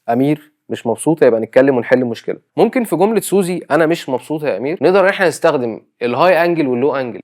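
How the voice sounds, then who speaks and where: Egyptian man, film tutor, talks very fast, methodical walk-through of a scene plan. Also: mid-range voice, a little mellow. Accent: Egyptian Arabic. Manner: explains step by step, reading script lines aloud. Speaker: filmmaking instructor. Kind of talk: scripted tutorial explanation.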